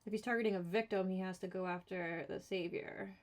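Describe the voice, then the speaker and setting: A woman's voice: mid-range voice, fairly even intonation, fairly quick. A woman streaming a solo board game, casually thinking aloud, counting cards and talking herself through the rules with mildly exasperated asides.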